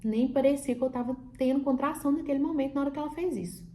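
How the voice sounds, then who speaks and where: Chatty woman with a mellow voice. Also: high-pitched, rapid-fire. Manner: chatty, retells dialogue with many fillers. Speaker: vlogger telling her birth story. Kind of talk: casual storytelling.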